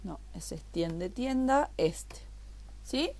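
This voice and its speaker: A woman's voice: mid-range voice, animated, slow pace, darkish tone. A woman teaching a recorded online language class, explaining patiently and repeating each word step by step.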